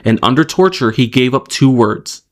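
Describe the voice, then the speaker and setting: A man's voice: medium pitch, moderate pace. Casual male podcast host recapping. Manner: relaxed, loose, with fillers and restarts between read passages. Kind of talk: casual chat mixed with reading a plot summary.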